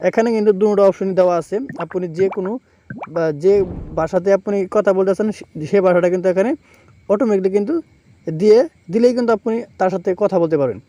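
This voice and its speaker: A man's voice: sits high, fast, pauses often, mellow. A man hosting a phone app tutorial, explaining each step over a screen recording and repeating himself as he goes. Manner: repetitive step-by-step explaining, filler "কিন্তু". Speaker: tech tutorial host.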